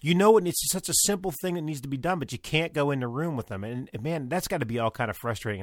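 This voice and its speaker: A man's voice: mid-range voice, fairly bright tone, no room sound, studio quality. A man casually talking through his thoughts on a TV episode, rambling with many restarts. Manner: rambling, lots of fillers and restarts. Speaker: show reviewer and host. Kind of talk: casual commentary on a TV show.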